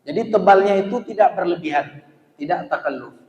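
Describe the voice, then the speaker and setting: High-voiced man teaching recitation in an echoey hall. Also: darkish tone. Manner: corrects pronunciation, repeats syllables slowly. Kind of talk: tajweed lesson with recited examples. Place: mosque. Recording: echoey, dull hall recording.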